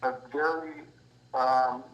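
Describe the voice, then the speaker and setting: A man calling in over a speakerphone, giving an earnest spoken tribute with pauses and restarts. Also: medium pitch, fairly even intonation. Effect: heard over a speakerphone. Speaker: family member calling in to a memorial gathering. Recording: dull, echoey speakerphone line.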